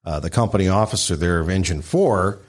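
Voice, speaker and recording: A man with a low-pitched voice gives conversational analysis. He speaks as a regular on a discussion show. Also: fairly quick.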